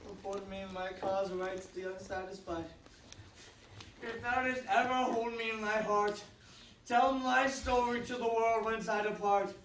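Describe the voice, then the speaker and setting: A man's voice: high voice, level tone, a bit bright, slight background noise. A man playing an anguished, passionate young prince as he dies, declaiming in theatrical Shakespearean style. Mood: dying, solemn. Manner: theatrical, declaiming, drawn-out dying delivery. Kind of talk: Shakespearean stage acting. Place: theatre stage, recorded from far off. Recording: distant echoey stage recording, music behind.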